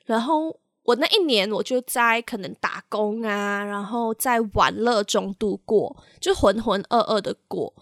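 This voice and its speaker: A young woman co-hosting a podcast, telling a personal story in a halting, candid way and slipping into English phrases now and then. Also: mid-range voice, dry recording, clean studio sound. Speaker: podcast co-host.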